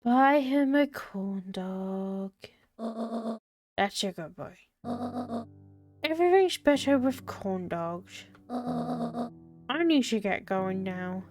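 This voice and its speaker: A woman voicing a kindly, wise grandmother who gives soft, measured advice. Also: on the high side, lively intonation, soft background music, full character voice. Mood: coaxing.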